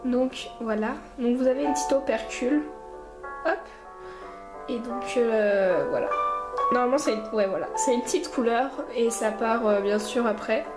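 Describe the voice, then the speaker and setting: A woman's voice: on the high side, moderate pace, roomy sound, over loud music, rough recording. A woman beauty vlogger reviewing a makeup kit in a rambling, chatty way, talking straight to her viewers. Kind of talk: casual makeup review and tutorial.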